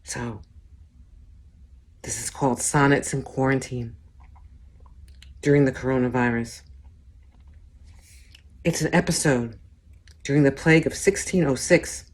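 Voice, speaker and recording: A woman reciting a comic verse monologue theatrically, with a dramatic delivery that moves between hushed and loud. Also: rumbling low, unhurried, pauses often. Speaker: performer.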